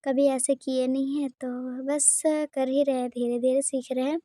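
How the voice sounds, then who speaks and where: A woman tells her vlog story over the footage in a high but mellow voice, with little rise and fall in her pitch. She talks in a simple, chatty way and often pauses to think. The recording is dry and close. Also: flat delivery, dry recording. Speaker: vlogger. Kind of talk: casual vlog voice-over narration.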